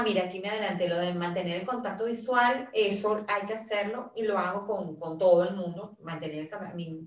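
A middle-aged woman talking casually about caring for her father, telling stories and acting out what people said. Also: mid-range voice. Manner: animated storyteller, acts out quotes of her father and herself. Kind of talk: casual talk sharing caregiving advice. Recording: roomy echo, a little far from the mic.

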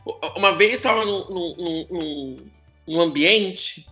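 Bright high-voiced man telling jokes. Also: slow pace, faint music behind. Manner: animated storyteller, acts out quotes. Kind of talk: comic casual chat.

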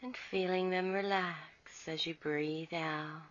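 A woman guiding a relaxation meditation in a soft, soothing voice. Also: lowish voice, steady tone. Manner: soft, slow, soothing delivery. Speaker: meditation guide. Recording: dull lo-fi recording.

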